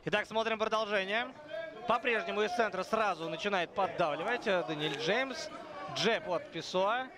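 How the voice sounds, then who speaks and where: A man's voice: high-pitched, normal speed. A man giving live play-by-play commentary on a mixed martial arts fight. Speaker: sports commentator. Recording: loud arena crowd behind commentary. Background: crowd noise.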